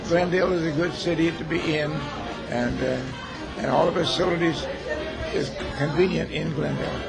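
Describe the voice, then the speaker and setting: A man in his nineties from Los Angeles, an honoree speaking plainly and a little haltingly. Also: a little high, gravelly, over music, rough recording. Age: 90s. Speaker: birthday honoree.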